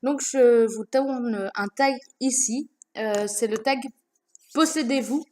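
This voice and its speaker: A woman's voice: a little high, slow, a little mellow. Chatty young woman book vlogger. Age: young adult. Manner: chatty, many fillers and self-corrections. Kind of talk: casual chat to camera. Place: room at home.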